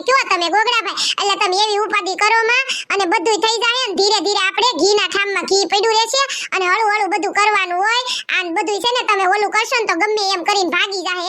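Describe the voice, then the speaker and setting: A woman's voice: very high voice, sharp tone. A woman in a village comedy skit, coaxing and persuasive. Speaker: comedy video co-host.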